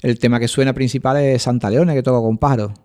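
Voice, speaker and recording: A man's voice: mid-range voice, steady tone, fast talker, a little mellow, no room sound, clean studio sound, soft background music. A man, a guest musician chatting in a radio interview in a rambling way with lots of fillers. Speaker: guest musician, cornet player.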